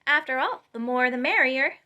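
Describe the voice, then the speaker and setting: A woman's voice: high-pitched, lively intonation, moderate pace, pushed and bright, highs cut off. A woman voicing a cheerful, generous young princess from a children's storybook in an upbeat, inviting manner. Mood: happy, excited.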